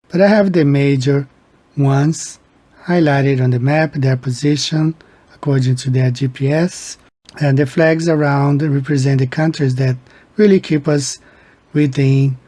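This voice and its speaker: A man with a mellow, dark-toned voice hosts his own channel. He speaks in a rambling, conversational way, with phrases trailing and restarting. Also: mid-range voice. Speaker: channel host. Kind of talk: casual commentary.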